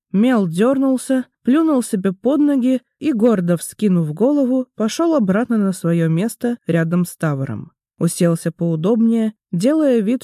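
A man reading a fantasy audiobook aloud in a measured, even storytelling manner. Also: high-pitched, dry recording, studio quality. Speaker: audiobook narrator. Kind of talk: scripted fantasy narration.

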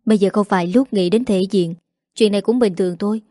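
A woman voicing a young office worker, a worried daughter who pleads gently, in a mellow dry voice. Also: medium pitch, quick pace, dry recording, natural voice. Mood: pleading.

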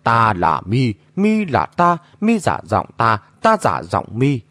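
A man voicing a mysterious shape-shifting mimic who taunts in a shrill, mocking voice. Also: huge pitch swings, takes it slowly, sharp tone, dry recording, full character voice. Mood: mocking taunting.

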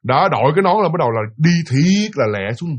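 Chatty Southern Vietnamese man telling spooky stories; quick, husky delivery. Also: a little high, big pitch swings, dull audio. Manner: chatty, addresses listeners directly. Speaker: storyteller. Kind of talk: spooky storytelling.

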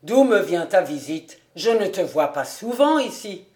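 Reader putting on an exuberant stout tax collector for an audiobook: booming, exclaiming, takes his time. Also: big pitch swings, measured pace, darkish tone. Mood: hearty. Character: jovial stout middle-aged male tax collector. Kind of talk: audiobook character reading.

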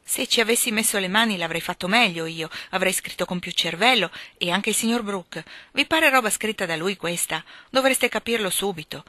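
A woman's voice: mid-range voice, a little fast, few pauses, sharp tone, no echo, lightly acted. A woman reading aloud and voicing a hot-tempered, outspoken teenage girl in a storybook reading. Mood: indignant. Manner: indignant, outspoken.

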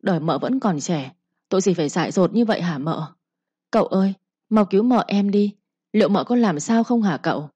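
A woman voicing a loud, fussy young servant girl in a storybook reading. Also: medium pitch, expressive, a little fast, breathy edge, dry recording, dull audio. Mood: wailing.

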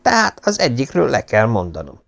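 A man's voice: mid-range voice, wildly swooping pitch, gravelly, fairly bright tone, voice pushed up, full character voice. A man voicing an insolent young aristocrat who is a thief, talking back in a cheeky, mocking way.

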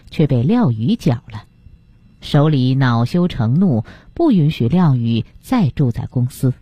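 A woman narrating a serialized novel in an expressive storytelling style. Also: a bass voice, slightly rough, highs cut off. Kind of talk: storytelling broadcast.

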